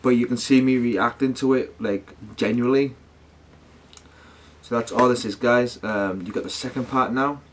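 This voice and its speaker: A man speaks to his viewers in a casual vlog style. His delivery rambles and doubles back on itself, full of slangy, matey phrasing, at an ordinary male pitch. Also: moderate pace, a little hiss or hum. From United Kingdom. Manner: rambling, slangy, with self-corrections. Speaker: paranormal investigation vlogger.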